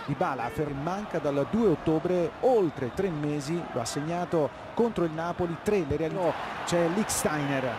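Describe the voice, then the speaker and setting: A man's voice: fairly high pitch, unhurried. A man doing live football play-by-play in clipped phrases, naming players as the move unfolds. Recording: loud stadium crowd noise behind. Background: stadium ambience.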